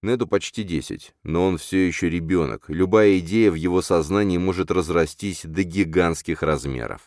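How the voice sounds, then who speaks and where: A man narrating a novel aloud in an expressive storytelling reading. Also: deep voice, normal speed, dry recording, studio quality. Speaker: audiobook narrator. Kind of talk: scripted narration.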